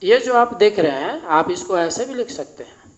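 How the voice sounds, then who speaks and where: A man teaching a grammar lesson at a board, explaining slowly and repeating each definition. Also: high voice, expressive, highs cut off.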